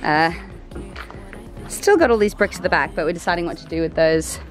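Filming herself at arm's length on a phone or handheld camera, a young woman chats casually through the rooms of her home for a renovation vlog. Her voice sits on the low side and moves fairly quickly, she pokes fun at herself and swears lightly, and soft music plays in the background.

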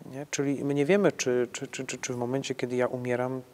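Halting conversational priest. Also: male voice, medium pitch, little pitch movement, darkish tone, a little hiss or hum. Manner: conversational, halting restarts, frequent tag "nie?". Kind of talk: answering questions on faith.

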